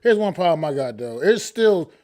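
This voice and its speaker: A man's voice: a little high, sing-song, moderate pace, a loud crowd. A man on a sports talk panel pressing his point and repeating himself. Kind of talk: sports debate.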